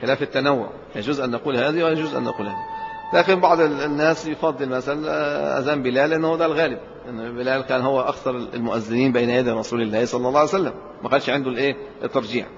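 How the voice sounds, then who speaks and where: Fast-talking Egyptian man teaching religion. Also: medium pitch, slight background noise. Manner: explains step by step, poses rhetorical questions and answers them. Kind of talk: colloquial religious lesson. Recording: reverberant hall, slightly dull lo-fi sound.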